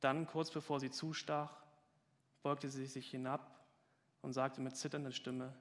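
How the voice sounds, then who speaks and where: A man's voice: mid-range voice, little pitch movement, a little slow, in a large hall. A man reading a story aloud with dramatic emphasis during a talk.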